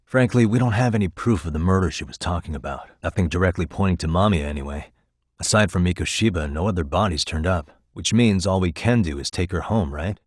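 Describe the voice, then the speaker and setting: A determined American private detective in a dramatic video game speaks in a deep, husky, expressive voice, recorded close and dry with no room sound. He's measured and probing, sharp and dryly pointed, with a frank, resigned mood.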